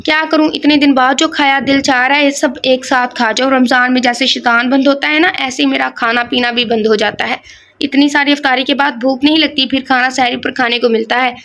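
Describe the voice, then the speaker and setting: A woman's voice: high-pitched, fairly even intonation, a bit bright. A woman voicing a chatty naive girl. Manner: talkative, innocent.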